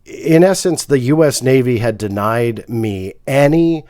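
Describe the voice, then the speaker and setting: A man's voice: mid-range voice, lively intonation, measured pace, darkish tone, no room sound, studio quality. A man hosting his own channel, talking frankly with a nasal voice from a cold and lots of "uh" fillers. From California. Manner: frank, apologetic, frequent fillers. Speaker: host. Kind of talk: casual video commentary.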